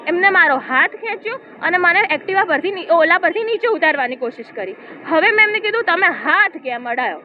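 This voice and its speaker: Young Gujarati woman, high-pitched, hurried, restarts often; tinny lo-fi sound. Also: slight background noise. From Gujarat, India. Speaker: interviewee recounting an incident. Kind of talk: personal account to a reporter. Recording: tinny phone-like audio.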